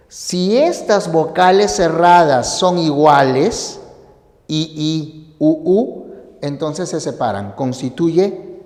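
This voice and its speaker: A teacher slowly explaining a grammar lesson, asking rhetorical questions to the students. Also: medium pitch, a little mellow. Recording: echoey room with long reverb.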